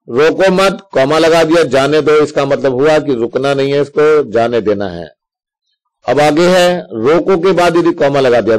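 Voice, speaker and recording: A man teaching Hindi grammar to young students on video. His voice sits at a middle pitch, and he explains patiently, going through examples one step at a time. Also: darkish tone, poor audio.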